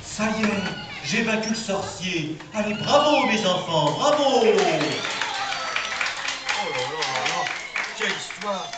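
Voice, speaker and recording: A woman's voice: medium pitch, slow pace, a loud crowd, very noisy. A woman voicing a brave young prince in a live children's puppet show, calling out to the children. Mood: bold. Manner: addresses children, animated. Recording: echoey room from far off, loud music behind.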